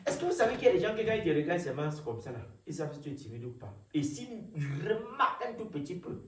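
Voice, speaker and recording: A man preaching a sermon, animated and asking the congregation for responses. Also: high-pitched, fast, a little hiss or hum. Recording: echoey room, mic far off.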